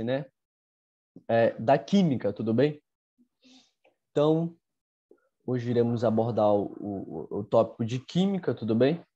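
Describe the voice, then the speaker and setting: A man teaching an exam-prep chemistry lesson, halting with fillers and asking "tudo bem?" after nearly every phrase. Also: mid-range voice, dark tone, breathy edge, muffled recording.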